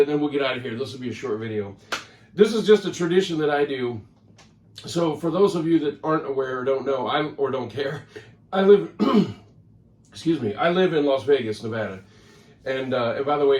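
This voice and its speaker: A man's voice: mid-range voice, a little mellow. A man vlogging casually about his record collection, chatty and rambling, often correcting himself. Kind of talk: casual talk to camera. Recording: roomy sound, mic at a distance.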